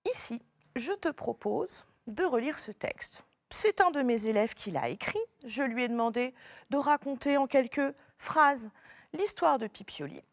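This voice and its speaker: A woman teacher talks a young child through a remote lesson, patient and encouraging. Her voice sits a little high and moves a lot in pitch, and she takes her time. The recording is close and dry. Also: animated, unhurried, no room sound. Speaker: primary school teacher.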